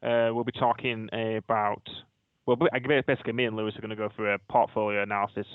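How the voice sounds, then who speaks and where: A man's voice: fairly low pitch, flat delivery, quick pace, clear, resonant tone, dry recording. A man with a Yorkshire accent chatting casually as a podcast co-host, informal, slangy and matey in manner. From Yorkshire, England. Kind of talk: casual chat. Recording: dull, lo-fi audio.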